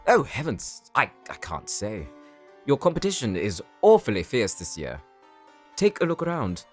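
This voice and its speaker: Flamboyant vampire count, gracious host, very animated pitch, audio drama, soft music behind. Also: male voice, moderate pace. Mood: confiding. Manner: theatrical, effusive, aristocratic. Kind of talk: cinematic audio roleplay acting.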